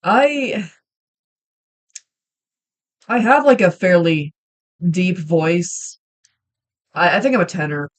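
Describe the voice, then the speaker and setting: A young woman who livestreams and voice-acts as a hobby chats casually while drawing, rambling hesitantly with plenty of ums and restarts. Her fairly low voice is expressive and slow, and she pauses often.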